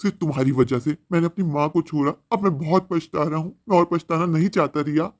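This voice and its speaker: A man's voice: fairly high pitch, quick pace, natural voice. A man voicing a remorseful grown son who speaks in an earnest, pleading way. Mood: resolute.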